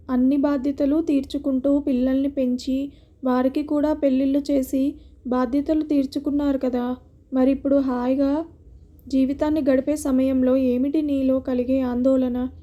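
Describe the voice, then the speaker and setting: A woman's voice: sits high, dark tone, muffled recording, natural voice. Woman reading a bossy, caring friend. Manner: teasing, then scolding. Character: caring outspoken middle-aged woman friend.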